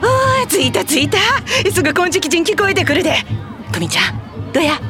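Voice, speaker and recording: An actress plays a brash woman in her forties with a thick Osaka accent, the kind who fires back blunt retorts without pausing. Her voice sits high and swings widely up and down. It suits a comic radio drama. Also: big pitch swings, over music, heavily acted. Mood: teasing. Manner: blunt, quick comebacks. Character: brash Osaka woman, office worker, stubborn.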